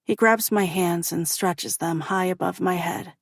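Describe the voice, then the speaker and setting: A woman reading a first-person romance audiobook in a slow, intimate way. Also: on the low side, no room sound, clean studio sound. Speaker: audiobook narrator.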